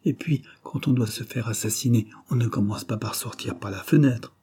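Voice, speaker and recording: A man reading an audiobook, voicing a calm, matter-of-fact friend who reasons things out. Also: medium pitch, normal speed, husky, natural voice. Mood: reasoning.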